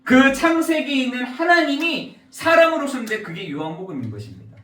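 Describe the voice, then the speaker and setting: A man's voice: very high voice, very animated, brisk, fairly bright tone, roomy sound, far from the mic, slight background noise, poor audio. A man preaching a sermon as a pastor, emphatic and fond of piling up rhetorical questions to his congregation. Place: church sanctuary.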